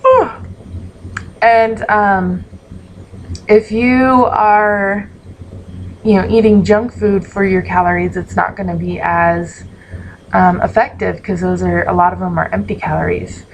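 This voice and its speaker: A woman's voice: medium pitch, fairly even intonation, unhurried, slight background noise, rough recording. A young woman vlogging in a casual, rambling way, full of ums and likes, sounding sleepy. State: sleepy, yawning. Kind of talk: casual chat to camera.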